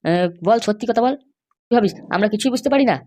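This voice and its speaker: Brief: a woman playing an angry cartoon husband, rapid-fire threats, mid-pitched. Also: natural voice. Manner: angry, threatening, shouting insults. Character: hot-tempered threatening young husband, Kittu. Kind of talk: cartoon voice acting.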